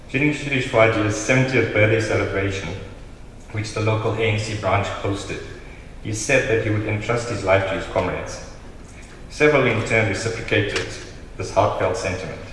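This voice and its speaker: A man with a South African accent reading a prepared eulogy in a solemn, measured way, as a member of the family. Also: lowish voice, a bit bright. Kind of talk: prepared funeral eulogy read aloud. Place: large reverberant hall. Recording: very echoey hall, distant mic, noisy.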